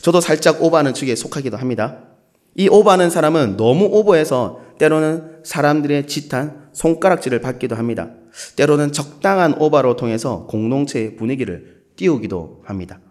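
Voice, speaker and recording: A man's voice: a little high, fairly quick. A male pastor with a Gyeongsang accent, preaching a sermon in a playful way and acting out short quotes. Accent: Gyeongsang Korean. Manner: playful, with lively acted quotes.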